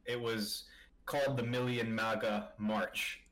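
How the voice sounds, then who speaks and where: A man in a casual group chat, calmly explaining things at length in a measured way. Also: medium pitch, a loud crowd, low-quality recording.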